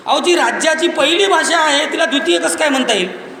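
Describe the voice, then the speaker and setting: A man delivers a lecture in a high, ringing voice. He builds his points through lists of examples and pushes his voice close to a shout when he stresses them. The sound is echoey and slightly distant, as if captured in a large hall, with a faint background hum. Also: animated, fast talker, gravelly. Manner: emphatic, rising to near-shouts on key points; explains by listing examples. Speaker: speaker on Marathi language and literature. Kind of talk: public lecture.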